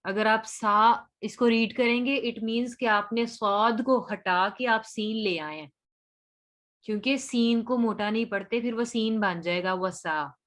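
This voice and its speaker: A woman with a slightly high voice leads an online recitation lesson, slowly chanting each verse and then explaining it. She speaks at a slow, patient pace and repeats the hard words several times so students can follow along. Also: a bit bright. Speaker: Quran recitation teacher.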